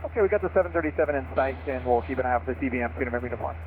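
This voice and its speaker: A pilot over the radio, a man rattling off clipped readbacks at a rapid clip. The transmission is thin and tinny, like a cockpit radio. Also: mid-range voice, faint music behind. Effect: pilot reading back over the aircraft radio. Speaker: airline pilot.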